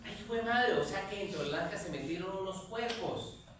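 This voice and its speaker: A man's voice: high-pitched, a little fast, recorded from a distance. Colombian man lecturing in an echoey classroom. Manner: animated, quizzing students, telling anecdotes. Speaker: anatomy lecturer. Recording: echoey classroom recorded from afar.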